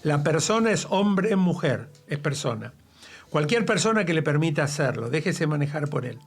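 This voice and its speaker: A man's voice: a little high, lively intonation, normal speed, creaky, husky. Emphatic man leading Bible study. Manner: emphatic, quotes scripture at length. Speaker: church Bible study leader.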